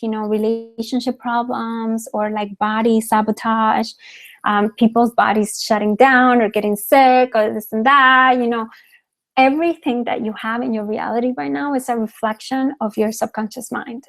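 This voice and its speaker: A woman from Cuba, a business coach giving a motivational webinar talk, repeating herself for emphasis and tagging lines with "okay?". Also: on the high side. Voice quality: frequent "okay?" tag questions, emphatic repetition.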